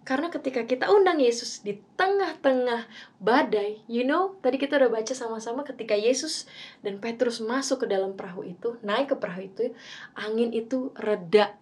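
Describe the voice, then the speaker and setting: Higher-voiced woman giving a youth talk. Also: animated, brisk, darkish tone. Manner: casual, chatty, with many fillers; dramatic reading with voiced quotes. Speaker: youth speaker.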